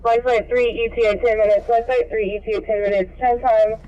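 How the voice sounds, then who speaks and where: A woman's voice: a little high, flat delivery, brisk, warm tone, muffled recording. A woman working as an emergency dispatcher, giving clipped, procedural ambulance radio calls and repeating each message over a two-way radio. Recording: radio scanner with vehicle noise.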